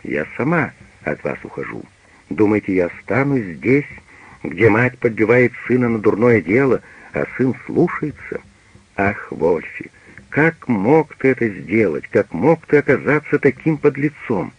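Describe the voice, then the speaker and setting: A man's voice: fairly low pitch, sing-song, a little slow, breathy edge, dry recording, exaggerated voice. A man voicing an old, embittered female servant who speaks bluntly and accusingly, on a dull radio recording. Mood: bitter. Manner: accusing, bitter.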